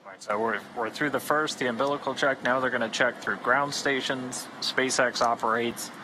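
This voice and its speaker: A man giving live, explanatory launch commentary with halting, informative phrasing. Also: mid-range voice, fairly even intonation. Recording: clear background noise.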